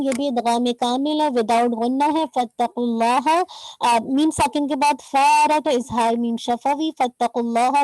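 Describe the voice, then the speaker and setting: A woman's voice: high-pitched, darkish tone, no room sound, poor audio. A woman teaching Quran recitation rules step by step, patiently correcting and mixing in English terms. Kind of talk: online tajweed lesson.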